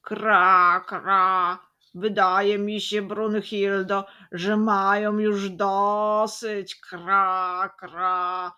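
Two wise old crow grannies gossiping and cawing between every few words, as a storyteller puts them on. The voice is loud, slow and bright in tone. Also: female voice, mid-range voice, flat delivery, clean tone, highs cut off. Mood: gossipy.

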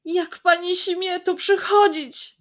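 A woman voicing an upset young man who shouts and pleads, close to tears. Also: fairly low pitch, flat delivery, brisk, lightly acted. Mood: tearful. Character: upset young man turned back into a boy.

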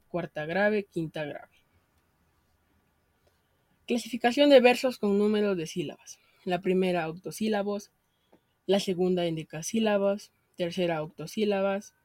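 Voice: mid-range voice, darkish tone, no room sound. A speaker reading out a metric analysis of a poem in a methodical, list-like recitation.

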